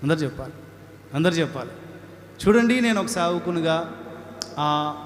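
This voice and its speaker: A man delivers a fervent sermon in a high voice, urging his listeners to answer aloud. The recording is roomy and reverberant, like a large church hall. Faint ambient noise sits underneath. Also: animated, normal speed. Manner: exhorting, calls for congregational responses; dramatic wailing laments in a raised voice. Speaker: pastor. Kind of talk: Telugu sermon to a congregation.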